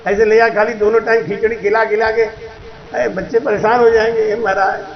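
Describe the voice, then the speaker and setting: Man, spiritual teacher, sermon storytelling, high pitched, dull lo-fi sound. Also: normal speed. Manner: animated storyteller, acts out dialogue, chants verses. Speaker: spiritual teacher giving a satsang. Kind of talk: storytelling sermon with sung verses. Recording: echoey, dull lo-fi hall recording.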